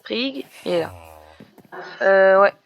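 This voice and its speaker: Chatty woman with a creaky voice. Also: medium pitch, animated, slow. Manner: chatty, explaining as she plays, many fillers and restarts. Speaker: gaming YouTuber. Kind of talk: Minecraft let's play commentary.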